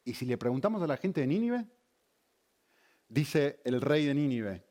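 Lively, questioning preacher man. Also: medium pitch, a little slow. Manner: engaging, asks the congregation many questions. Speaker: pastor. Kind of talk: sermon.

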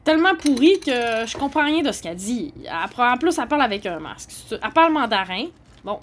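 Speaking with a Québécois French accent, a woman journalist goes on a heated, indignant ramble at a homeless shelter, dropping "là" and "tu sais" constantly. Her voice sits on the high side, very animated and fairly quick, in a casual monologue.

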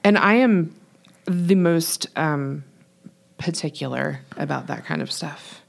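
A woman's voice: low voice, slow pace, creaky. A woman chatting casually as a pastry chef guest, talking freely with plenty of swearing and laughter. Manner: chatty, profane, laughs often. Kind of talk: casual podcast chat.

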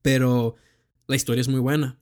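A man's voice: mid-range voice, level tone, moderate pace, a little mellow. A young man with a Mexican accent, chatting casually about films with plenty of slang and swearing. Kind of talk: casual film chat.

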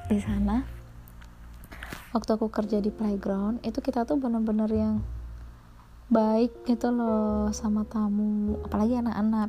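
A woman's voice: medium pitch, mellow. A young woman casually telling stories about her former daycare job, chatty and full of fillers. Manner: chatty, lots of fillers, mimics others in quotes. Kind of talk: casual storytelling chat.

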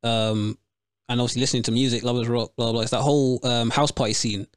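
A man's voice: mid-range voice, steady tone, quick pace, smooth, no echo, clean studio sound. A man, hosting a casual podcast chat and telling a story in slangy street talk. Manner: slangy storytelling, puts on voices for quotes. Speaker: podcast host.

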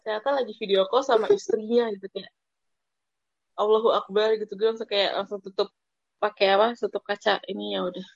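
A young woman co-hosting a casual podcast, telling embarrassing stories in an animated way and laughing through the punchlines. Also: medium pitch, quick pace, vocal fry, breathy edge, no echo, highs cut off. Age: young adult. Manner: animated storytelling, laughs into her own punchlines. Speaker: podcast co-host. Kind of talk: casual chat.

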